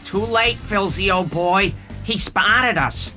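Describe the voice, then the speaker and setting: A man's voice: sits high, slow pace, sharp tone, soft background music, exaggerated voice. A man voicing a sardonic, grumpy talking duck from another planet in a children's audio story. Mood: resigned, brave. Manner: sardonic, brash. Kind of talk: dramatized children's read-along audio story.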